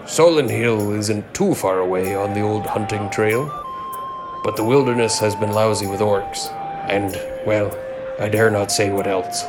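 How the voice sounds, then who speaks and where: A gloomy tavern keeper with a thick foreign accent, as a male narrator puts him on. He keeps his low voice hushed and wary. Music plays under this fantasy audio story. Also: measured pace, lightly acted. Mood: wary, grim. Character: glum burly innkeeper with a thick foreign accent.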